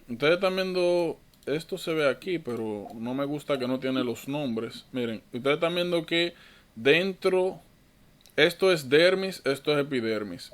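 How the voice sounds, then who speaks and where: A man's voice: mid-range voice, a bit bright. A man tutoring medical students in an online lecture, informal and thinking aloud, often correcting himself.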